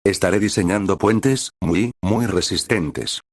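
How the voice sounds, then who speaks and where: A man reading the lines of an earnest, devoted teenage boy hero in an even, unchanged voice. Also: low voice, slow pace, dry recording, clean studio sound. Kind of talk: scripted fanfic reading.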